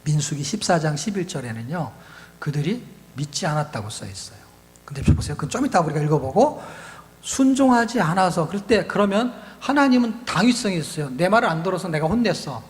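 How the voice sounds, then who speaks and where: A man's voice: a little high, very animated, a little fast, big-room sound. A male pastor preaching at a youth retreat, explaining scripture in a conversational way, repeating key words and asking the audience questions. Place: church hall.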